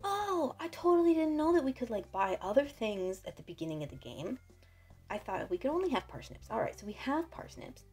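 A woman's voice: a little high, sing-song, a little fast, darkish tone, husky. A woman giving casual, chatty let's-play commentary, playful and thinking aloud. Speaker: gaming video host. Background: faint game music.

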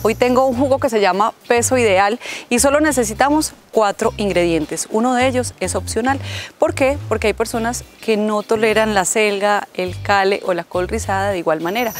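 Lady in her 30s, calm encouraging host voice, mid pitch, soft music under it. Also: normal speed. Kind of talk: hosting chat and recipe segment. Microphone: lapel mic.

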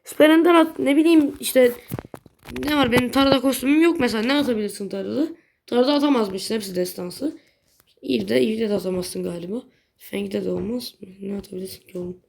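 A young woman with a fairly high voice talks through her game as she plays, in loose, chatty commentary. She is blunt and quick to grumble, tossing out mild swears when things go wrong. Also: gravelly, a little mellow, slight background noise. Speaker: gaming video creator. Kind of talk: casual gameplay commentary.

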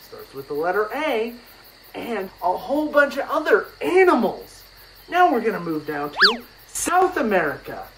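A woman teaching a lesson for young children, slowly repeating each key word in a sing-song way. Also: medium pitch, big pitch swings, far from the mic, noisy background. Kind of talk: educational lesson for young kids. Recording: music playing behind the voice.

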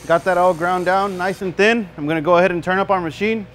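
A man in his thirties giving a relaxed, folksy welding demonstration in a shop, talking the viewer through each step. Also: high-pitched, quick pace, slight background noise. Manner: relaxed, folksy, frequent "you know". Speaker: welding instructor. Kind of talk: casual demonstration tutorial. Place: large welding shop indoors.

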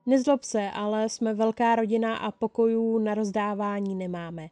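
Storybook role: a woman doing a cheeky, easygoing teenage wizard boy, with a dark, mellow voice. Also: medium pitch, fairly even intonation, no echo, faint music behind, lightly acted.

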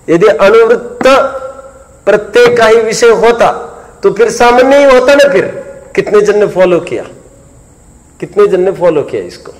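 A man with a high, somewhat dark voice gives a classroom lecture explaining a Jain philosophy text, quizzing students, repeating key points and scolding those who fall behind. The hall adds a long reverb.

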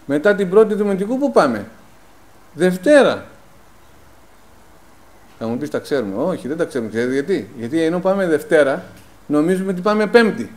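Guy preaching to his congregation, kinda high voice, keeps asking questions and answering them himself, lots of "eh". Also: big pitch swings, long pauses, poor audio. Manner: rhetorical questions answered himself, frequent "eh" fillers; addresses the congregation as brothers. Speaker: lay preacher. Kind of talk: sermon.

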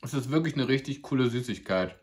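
A food vlogger reviews snacks to camera in an expressive mid-range voice with a darkish tone and a quick pace. The delivery is upbeat and chatty, with playful jokes about their pronunciation and viewers greeted as "ihr Lieben".

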